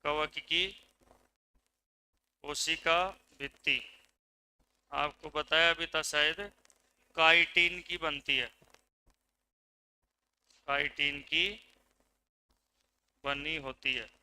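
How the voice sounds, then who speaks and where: A man's voice: fairly high pitch, steady tone, extremely slow, long pauses, bright, forceful tone, clean tone, rough recording. A man teaching a class, giving dictation and drilling students by repeating his questions and their answers. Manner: gives dictation commands. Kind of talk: classroom lecture.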